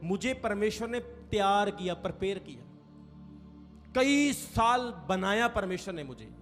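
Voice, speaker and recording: A pastor's high, somewhat bright voice comes through animated but a little slow as he preaches to the congregation. He stresses and prolongs key phrases and invites responses, with faint music in an echoing hall.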